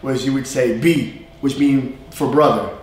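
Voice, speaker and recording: A man's voice: mid-range voice, measured pace. A man with a New York accent teaching English in a loose, chatty way and laughing often. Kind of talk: casual live lesson chat. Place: room in a language school. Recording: echoey room, faint hiss.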